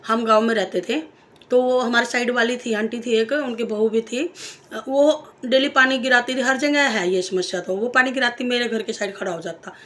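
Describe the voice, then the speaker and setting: A woman's voice: on the high side, steady tone, moderate pace, fairly bright tone. A woman talking casually to camera as a vlogger, emphatic and repetitive, asking rhetorical questions and telling personal stories. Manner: emphatic, repeats phrases, asks rhetorical questions; tells personal anecdotes. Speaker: vlogger sharing opinions. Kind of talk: casual spoken monologue.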